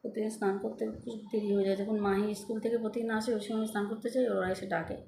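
A middle-aged woman vlogging at home into her phone. She speaks with a soft, slightly lisping, childlike manner and takes her time over words to say them clearly. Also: mid-range voice, little pitch movement, very fast, reverberant, slight background noise. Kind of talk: casual chat to viewers. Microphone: phone camera.

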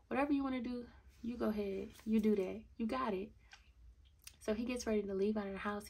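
A young woman tells a storytime vlog with blunt, indignant energy. Her voice has a gravelly fry and a husky, rough grain at a mid pitch. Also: darkish tone. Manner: blunt, indignant, addresses viewers as y'all. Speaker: vlogger.

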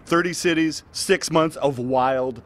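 Male chef, showman, anchor-style boom, a bit higher pitched, outdoor food truck. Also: slow, a bit bright. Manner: booming showman, announcer-like.

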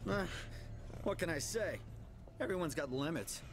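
Game casting: male actor doing a cocky talking mare, surfer-dude drawl, sarcastic and carefree, higher voice. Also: lively intonation, normal speed, background noise, natural voice. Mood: laid-back. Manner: breezy, teasing, sarcastic. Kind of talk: video game voice acting.

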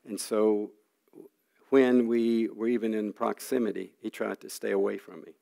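An older man giving an earnest sermon testimony, telling a personal story with halting restarts and frequent throat clearing. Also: lowish voice, little pitch movement, dark tone. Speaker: preacher.

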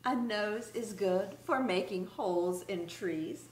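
A middle-aged special education teacher with a medium-pitched voice reads a picture book aloud for children's story time, expressive and deliberate as she draws out her words. The small indoor room, set up as a classroom, has a roomy echo and background noise.

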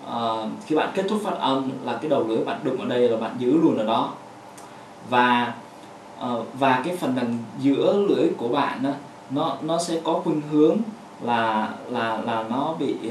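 A man whose first language is Vietnamese, teaching pronunciation; he talks haltingly with many fillers and says example words over and over. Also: mid-range voice, a little hiss or hum. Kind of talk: explaining a lesson with hand demonstrations. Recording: echoey room, voice from a distance.

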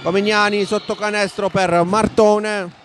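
High-pitched Italian man calling basketball. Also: level tone, unhurried. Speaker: play-by-play basketball commentator. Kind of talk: live sports commentary. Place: indoor basketball arena. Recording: noisy sports hall ambience.

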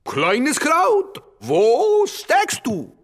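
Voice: high-pitched, huge pitch swings, very slow, heavily acted. A woman, by the sound of the voice, playing a cheerful potato showman who announces grandly in a children's audio play. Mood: showy, cheerful. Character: cheerful theatrical potato showman hosting a Christmas show. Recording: loud music behind.

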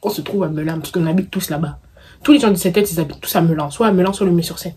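Rapid-fire and on the low side, her husky, slightly mellow voice belongs to a vlogger in her early twenties answering viewer questions. Of Congolese heritage and from suburban Paris, she chats playfully in slang, with a local accent and English catchphrases thrown in.

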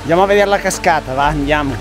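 A man's voice: on the high side, rapid-fire, music in the background. A man narrating his own mountain hike to camera, chatting and thinking aloud as he walks outdoors on roads and forest trails. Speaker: hiking vlogger. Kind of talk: casual hiking narration to camera. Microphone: camera carried while hiking.

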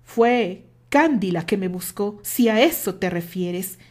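A woman's voice: mid-range voice, animated, slow pace, a little mellow. Woman voicing Richard, a firm, mocking rival. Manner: firm, cutting delivery. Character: self-assured man, firm and mocking rival.

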